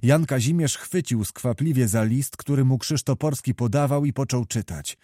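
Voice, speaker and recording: A man narrating a historical novel in a measured, even storytelling manner. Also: mid-range voice, no room sound, clean studio sound. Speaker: audiobook narrator. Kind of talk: scripted narration.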